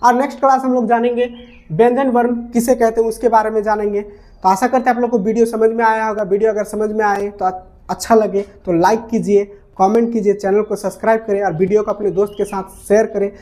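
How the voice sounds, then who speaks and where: A woman's voice: mid-range voice, flat delivery, quick pace, mellow. A woman teacher giving a grammar lesson at a whiteboard, repeating each definition and asking rhetorical questions that she answers herself.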